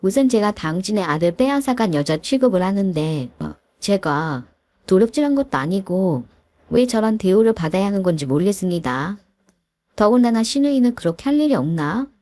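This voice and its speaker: A woman's voice: medium pitch, dark tone, dry recording. A woman narrating her own story in a weary, complaining way.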